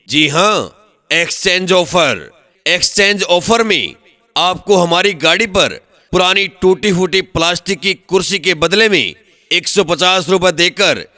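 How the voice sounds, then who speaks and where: High, bright, slow hawker's sales call. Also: male voice, dry recording. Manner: sing-song hawker's call with repeated slogans. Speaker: street vendor announcer. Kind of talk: recorded loudspeaker sales pitch.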